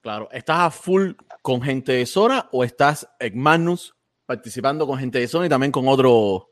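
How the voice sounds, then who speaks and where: A man with a mid-pitched voice hosts a casual interview. He asks direct questions and gives short, relaxed affirmations. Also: normal speed.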